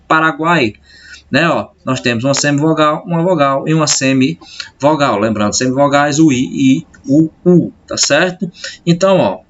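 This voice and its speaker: A male teacher, explaining a grammar lesson step by step and often checking in with his pupils in a recorded video lesson. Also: a little high. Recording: dull lo-fi sound with faint noise.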